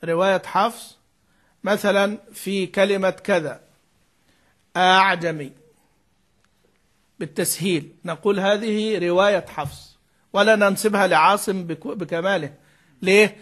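A man's voice: high voice, fairly even intonation, unhurried, pauses often, a bit bright. A man teaching the rules of Quran recitation, repeating key terms and prompting his students to fill in answers. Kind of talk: lecture on Quran reading rules.

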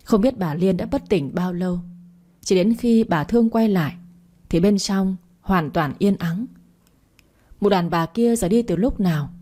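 A woman narrating a scripted audio story in a dramatic, measured way. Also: mid-range voice, mellow.

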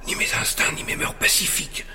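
An actor playing a fussy lawyer who whispers peevish protests while sneaking around. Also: male voice, brisk, reverberant, background noise, natural voice. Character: fussy, indignant male lawyer sneaking about.

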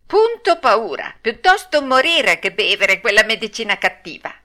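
A woman's voice: big pitch swings, a little slow, sharp tone, full character voice. Pinocchio, a woman doing a whiny puppet boy. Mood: defiant. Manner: whiny, pleading, shrill. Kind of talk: audiobook read-aloud.

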